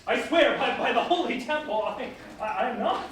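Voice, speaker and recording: At a live staged reading, a man gives a very high-pitched, theatrical performance as Simon, an ambitious, boastful fisherman who has become a flustered, fearful disciple. His emphatic delivery slips into halting panicked denial, recorded from far off in an echoey hall with faint noise.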